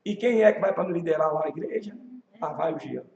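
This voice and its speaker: Pastor teaching a church leadership class, Brazilian accent, lively storyteller, high voice, recorded in an echoey, muffled room. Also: male voice, a little fast, creaky. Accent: Brazilian Portuguese. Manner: animated storytelling with rhetorical questions.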